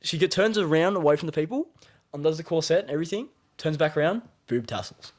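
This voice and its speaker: A man's voice: a little high, expressive, quick pace. A young man, a podcast co-host, telling a story in casual chat and laughing often.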